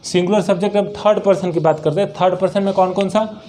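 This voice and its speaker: A man teaching an English grammar lesson, who asks the class questions and then answers them himself, and reads his example sentences out slowly. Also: high-pitched, steady tone, mellow, a little hiss or hum. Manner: slow, drawn-out reading of example sentences. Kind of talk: grammar lesson explained in Hindi.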